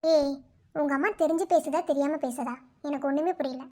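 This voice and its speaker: A woman voicing a playful young wife in a fan-made cartoon, with cheeky, quick retorts. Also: high voice, steady tone, darkish tone, close to an everyday voice.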